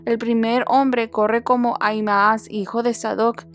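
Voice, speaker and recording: A woman's voice: a little high, flat delivery, unhurried, fairly bright tone, faint music behind. A woman reading the lines of a male watchman calling news down from a city wall, in a plain reporting voice. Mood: alert.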